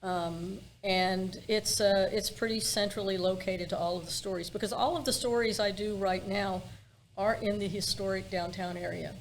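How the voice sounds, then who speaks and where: A woman with a mid-pitched voice talks casually, like a tour guide being interviewed. She is emphatic and wry, circling back on phrases to drive them home. There is clear ambient noise behind her. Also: fairly even intonation, normal speed, low-quality recording.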